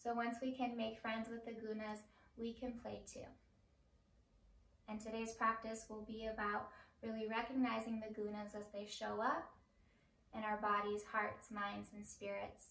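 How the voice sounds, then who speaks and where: A middle-aged woman leads a yoga class in a slightly high voice. Her delivery is measured and calming, with unhurried instructions. The sound is roomy, picked up by a microphone a little way off. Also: creaky, far from the mic. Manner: slow, measured, calming guidance. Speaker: yoga teacher. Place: indoor home room, on a mat.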